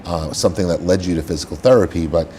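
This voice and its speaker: A man's voice: sits low, fast talker, dark tone, slight background noise. A man hosting a local business interview show, reading a scripted welcome and then asking chatty questions.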